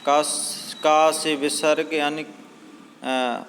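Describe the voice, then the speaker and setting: A man with a slightly high voice gives a grammar lesson at a very slow, deliberate pace, pausing on fillers and drawing out each example word. His voice rings with a long hall reverb over faint ambient noise. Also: little pitch movement, fairly bright tone. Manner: slow, drawn-out explaining with many fillers, stretching example words. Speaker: teacher.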